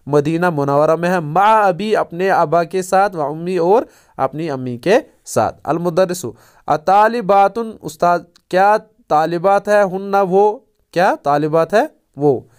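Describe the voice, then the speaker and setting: A man teaching an Arabic textbook lesson, reading Arabic sentences slowly and then explaining each one. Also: sits high, smooth.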